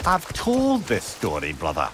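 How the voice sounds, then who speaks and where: Mimir, a wry talking head sage. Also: male voice, fairly low pitch, wildly swooping pitch, measured pace, background noise. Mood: eager. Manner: teasing, wry storyteller. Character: witty talking severed head, mischievous old sage.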